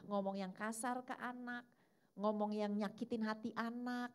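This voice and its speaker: A woman pastor giving a lively church sermon, animated and leading the congregation in call-and-response. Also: fairly high pitch, normal speed, smooth.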